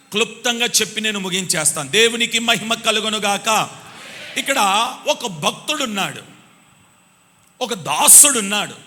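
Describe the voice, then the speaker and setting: High bright-voiced man preaching. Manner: urges the congregation to answer louder, repeats verse references. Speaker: pastor. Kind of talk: live Sunday sermon with call-and-response. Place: church hall. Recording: long church hall reverb.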